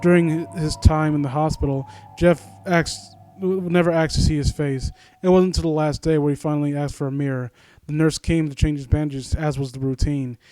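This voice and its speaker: A man on the high side, with a steady, dark, clean tone and a fairly quick pace, reads and critiques a story for his critique series. His commentary is blunt and casual, marked by stammering, rephrasing and some swearing. Music sits in the background, and his voice drifts soft because his new handheld mic is held at uneven distances.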